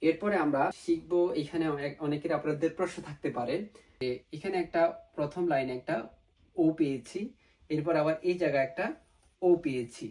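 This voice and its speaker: A man's voice: on the high side, brisk, long pauses, a little mellow, recorded from a distance, low-quality recording. A man teaching a language class, going through syllables one at a time and repeating warnings to be careful. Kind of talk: lesson.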